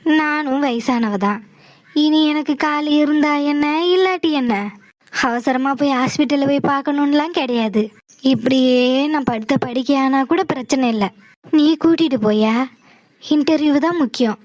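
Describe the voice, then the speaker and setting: A woman's voice: high-pitched, moderate pace, darkish tone, no room sound, natural voice. A woman voicing a scheming, self-pitying old mother-in-law in a cartoon, complaining and guilt-tripping. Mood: bitter. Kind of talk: cartoon voice acting.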